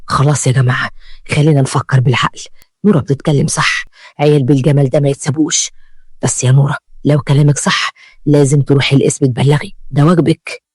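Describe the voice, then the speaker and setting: A storyteller with an Egyptian accent voicing a calm man who reasons with a crowd. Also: medium pitch, fast, breathy edge, no echo, studio quality, natural voice. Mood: reasoning. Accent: Egyptian Arabic. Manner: calming and reasoning.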